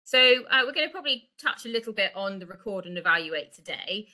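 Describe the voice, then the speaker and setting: A middle-aged woman talks quickly in a medium-pitched, sharp voice with lively intonation. Over a video call microphone, she gives an informal product presentation, explaining things in a conversational way.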